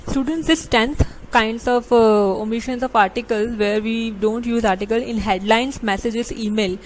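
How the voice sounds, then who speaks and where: A woman with a slightly high voice and fairly even intonation teaches an English grammar lesson, slowly reading rules and examples before explaining them with restarts and fillers. The recording is low quality with slight background noise.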